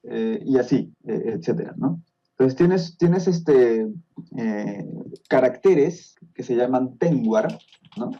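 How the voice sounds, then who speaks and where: Peruvian man, podcast guest, patient explainer; very dark, mellow tone, muffled lo-fi audio. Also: mid-range voice, lively intonation, takes it slowly. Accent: Peruvian Spanish. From Peru. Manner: patient, explaining step by step with frequent checks like "¿no?". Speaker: guest expert on Tolkien's languages.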